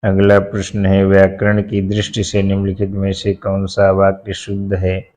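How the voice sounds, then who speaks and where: A teacher from India reads out exam questions and answers in an exam-prep lesson, going slowly and methodically and repeating each answer word for word so it sticks. His low-pitched voice is dark and mellow, and his delivery is completely flat. The recording sounds dull and lo-fi.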